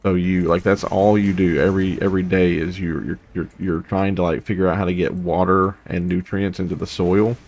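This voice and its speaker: With a deep, level, slightly mellow voice, a young gaming host talks briskly with hardly any pauses. He's chatting and rambling over a video game, humming to himself in between.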